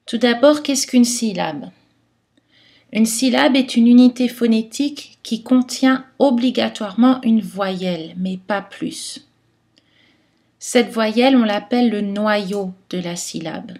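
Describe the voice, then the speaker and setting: A woman giving a scripted phonetics lesson, articulating each word carefully and clearly. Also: fairly high pitch, takes it slowly, a little mellow. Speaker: phonetics teacher.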